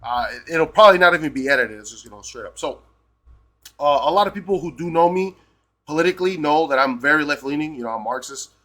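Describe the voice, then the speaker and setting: Bright-voiced man ranting. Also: on the high side, lively intonation, fast talker. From Peru. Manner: rambling, emphatic, profane. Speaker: live streamer. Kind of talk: casual rant.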